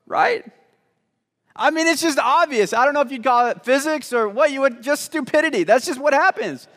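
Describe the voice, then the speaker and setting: Man, pastor, church sermon, high voice, chatty and joking, stumbling restarts, long church reverb. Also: moderate pace, a bit bright. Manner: conversational and joking, with repeated false starts. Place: church sanctuary.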